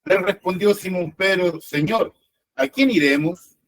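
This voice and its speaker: A man from the congregation reading Bible verses aloud in a steady way. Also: high-pitched, unhurried, slight background noise, rough recording. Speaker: congregation member reading scripture.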